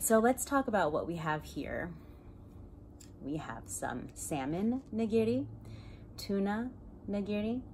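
A woman hosting a mukbang video, chatting playfully and joking between bites, sometimes dropping into soft whispery asides. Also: fairly low pitch, slight background noise. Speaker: host. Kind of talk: casual mukbang chat while eating.

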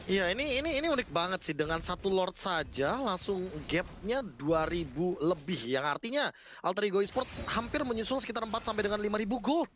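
A man works as an esports analyst, explaining informally. His voice is fairly high and quick, with faint noise behind it. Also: lively intonation, a bit bright. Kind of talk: analytical game commentary.

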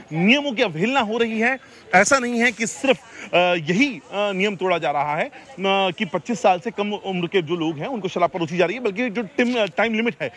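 A man in his forties delivers a live field report outdoors, his voice sitting high for a man. He talks into a handheld mic and fills his pauses with hesitations and restarts. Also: a bit bright. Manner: hesitant, many fillers and restarts. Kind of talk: live news report from the scene. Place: outdoors beside a demolition site.

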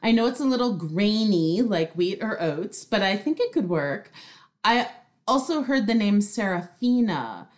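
A woman chatting casually as a podcast co-host. She sounds playful and upbeat, and her voice moves around a lot in pitch. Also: lively intonation, a little slow. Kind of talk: casual chat.

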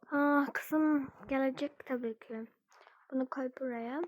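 A bossy mother hands out orders and scolds her daughter for whining, her voice high and slow. It is a woman playing her in a doll-game role-play, recorded dry and close to the mic. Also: fairly even intonation, dry recording.

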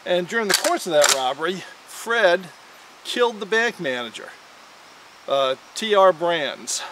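A man hosting a firearms video, telling an old frontier tale in a folksy, animated way. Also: high voice, a little slow, heavy background noise. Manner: animated storyteller, with dramatic shouted quotes. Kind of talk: folksy historical storytelling.

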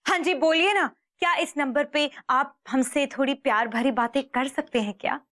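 A woman's voice: sits high, moderate pace, a bit bright. An actress in her twenties with an Indian accent playing a naive, adoring, easily offended young wife in a TV sitcom. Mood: coy. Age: 20s. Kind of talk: TV sitcom acting.

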